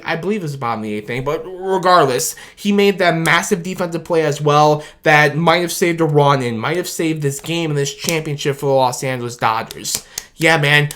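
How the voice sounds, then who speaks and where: Hosting a sports video, this man is pumped and laid-back, with plenty of laughter and yells of "man" and "baby." His voice, on the high side, is a bit hoarse from all the cheering.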